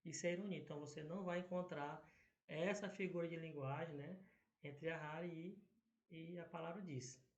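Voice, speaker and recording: A man's voice: fairly high pitch, steady tone, a little fast, echoey room. A Brazilian Portuguese-speaking male teacher going through exam questions, often checking in with "tá?" and "né?". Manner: filler-heavy, frequent "tá?" and "né?" checks.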